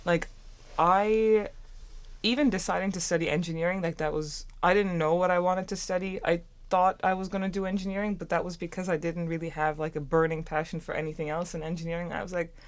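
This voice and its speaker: A student in her twenties from Turkey, who speaks German natively, co-hosts and tells her story casually, chatting and restarting often. Her voice is fairly low and level, and she talks fairly quickly.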